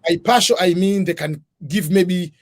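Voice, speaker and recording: A man's voice: high voice, moderate pace. Methodical man explaining step by step. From Tanzania. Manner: methodical, breaks topics into numbered points. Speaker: guest, scholarship advisor. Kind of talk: explanatory interview talk.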